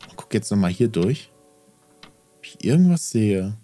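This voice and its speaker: A man's voice: fairly low pitch, big pitch swings, moderate pace, mellow, dry recording. Uneasy man streaming a horror game, music behind. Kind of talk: casual let's play commentary.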